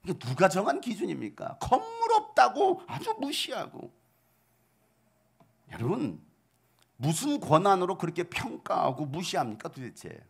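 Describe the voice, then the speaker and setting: A middle-aged male pastor preaching, full of rhetorical questions and sudden shouted outbursts, with a gravelly voice. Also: high voice, huge pitch swings, normal speed. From South Korea. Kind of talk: sermon.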